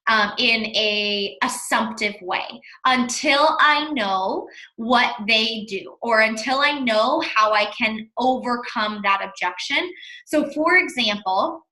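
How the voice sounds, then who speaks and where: In an echo-filled room, a woman with a bright, slightly high voice talks slowly through a casual coaching session. She is blunt and emphatic, repeating words to drive things home, much like a fitness coach instructing her sales staff.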